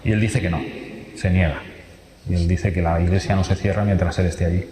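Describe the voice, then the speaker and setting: Man with a Spanish accent from Spain, low voice, storytelling talk in a booming hall with long reverb. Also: steady tone, brisk, mellow, a little hiss or hum. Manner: vivid storyteller, repeats phrases and restarts often. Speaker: speaker giving a testimony.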